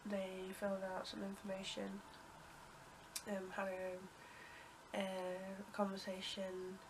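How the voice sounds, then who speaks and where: Slowly and with a bunged-up voice, a young British woman chats to camera, telling a story in a wandering way. Her tone is level and flat, broken by ums, restarts, coughs and throat-clearing from her cold. The recording has a steady background hiss.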